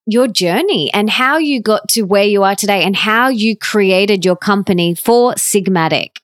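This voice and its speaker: A woman's voice: medium pitch, unhurried. Enthusiastic woman podcast host. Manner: enthusiastic, gushing. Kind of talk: scripted intro, then interview.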